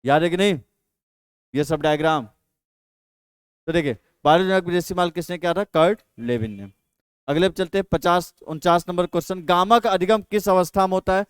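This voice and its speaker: A man's voice: high-pitched, a little fast, clear, resonant tone, no echo. A man teaching an exam practice lesson, repeating each question and then answering it himself.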